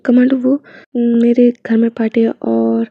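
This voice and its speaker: A kindly, formal army general in a romance storybook, voiced by a woman. He speaks in a measured way with a gravelly edge. The sound is dry and a bit dull. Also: on the high side, monotone, no echo.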